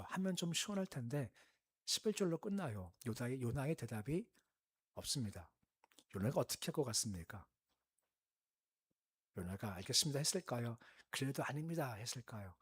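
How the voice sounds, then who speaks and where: A male pastor giving an early-morning prayer sermon, explaining in a calm conversational teaching tone and asking the listeners questions. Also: mid-range voice, husky.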